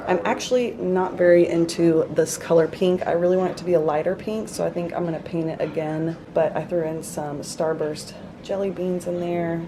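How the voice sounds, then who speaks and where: Chatty woman, gravelly low voice. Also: moderate pace, few pauses, a crowd in the background. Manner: chatty, relaxed, Southern "y'all". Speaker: vlogger. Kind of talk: casual vlog talk to camera. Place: home living room.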